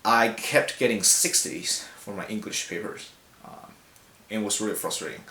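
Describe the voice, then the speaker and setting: A young Chinese man whose first language is Mandarin gives a personal public talk in an echoey hall. His voice is fairly low but bright and forceful in tone. He sounds reflective, halting often with fillers and correcting himself.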